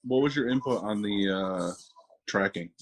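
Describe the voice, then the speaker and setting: A man with a low voice co-hosts a casual chat. He thinks out loud in loose, conversational phrases, peppering them with "like". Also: normal speed. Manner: thinks aloud with frequent "like". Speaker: co-host, shop owner.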